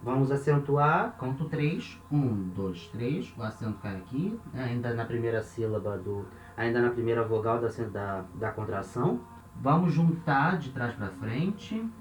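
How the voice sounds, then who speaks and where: A man's voice: mid-range voice, animated, measured pace, far from the mic. A Brazilian man with a Brazilian Portuguese accent, teaching a lesson step by step, counting aloud and often checking with his listeners. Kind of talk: classroom lesson at a board. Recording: roomy echo, off-mic, faint hiss.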